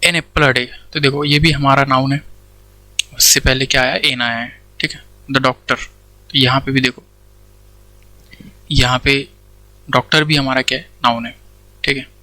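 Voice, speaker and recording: Male grammar teacher with an Indian accent, bright and dry, walks through rules step by step. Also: mid-range voice, little pitch movement, moderate pace, pauses often, dry recording, low-quality recording. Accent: Indian English. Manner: explains step by step, asks questions and answers them himself, says "theek hai" often. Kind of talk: Hindi-English classroom lecture.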